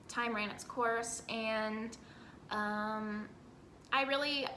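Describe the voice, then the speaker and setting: A woman's voice: mid-range voice, pushed and bright, echoey room, a little hiss or hum. A woman in her twenties from Texas, talking candidly and earnestly in a personal vlog, with lots of "like" fillers. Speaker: vlogger.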